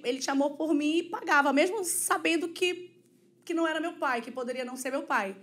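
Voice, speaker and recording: Brazilian woman on a podcast, pretty high voice, earnest and emotional, acts out what people said. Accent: Brazilian Portuguese. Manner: acts out quoted dialogue. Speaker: podcast guest. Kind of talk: personal storytelling in a casual interview.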